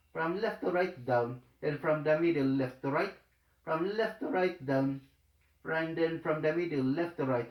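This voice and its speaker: A man speaks slowly and haltingly, repeating phrases and filling gaps as he walks through a writing lesson step by step. His voice sits a little high. The room around him is echoey. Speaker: Korean language tutor.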